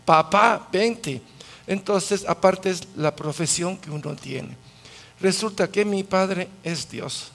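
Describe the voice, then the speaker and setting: A man's voice: high voice, slow pace, gravelly. A man teaching the Bible in a conversational way, putting questions to the audience. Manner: asks the audience questions, lively.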